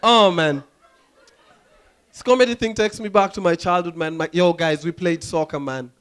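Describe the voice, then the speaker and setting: A young Kenyan man with a Kenyan accent doing a stand-up comedy set, telling animated stories, acting out voices and laughing at his own jokes. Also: high voice, moderate pace, clear, resonant tone. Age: young adult. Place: comedy club stage.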